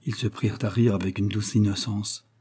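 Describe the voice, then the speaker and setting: Low, husky male audiobook narrator. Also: steady tone, a little mellow. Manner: measured, storytelling.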